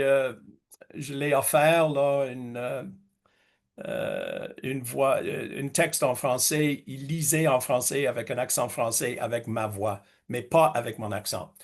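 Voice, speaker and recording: Slow, hesitant man on a video call. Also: medium pitch, vocal fry. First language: English. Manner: hesitant, many fillers, slips into English. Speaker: guest speaker. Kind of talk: webinar presentation.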